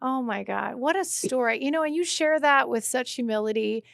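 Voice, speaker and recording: A woman's voice: high-pitched, moderate pace, creaky, a bit bright, no echo, clean studio sound. A woman hosting a podcast interview, effusive and exclamatory in casual chat with her guest. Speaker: podcast host.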